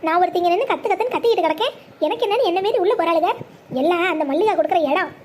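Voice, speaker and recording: Cartoon lead: a scheming young wife, very high and fast-talking. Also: female voice, darkish tone, a little hiss or hum. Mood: irritated. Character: fretful young married woman, sharp-tongued, scheming. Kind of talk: animated cartoon voice acting.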